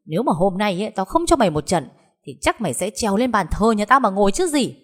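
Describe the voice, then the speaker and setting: A woman voicing a hot-tempered peasant woman, an older sister who shouts coarse threats. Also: mid-range voice, big pitch swings, quick pace, pitched above the performer's own voice. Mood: enraged.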